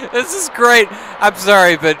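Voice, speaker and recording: Drunk man yelling at a game. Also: sits high, sing-song, slow, a little hiss or hum. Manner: profane, rowdy, laughing, shouting at the game. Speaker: gameplay commentator. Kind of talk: drunk let's-play commentary. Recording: game music behind the voice. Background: video game music.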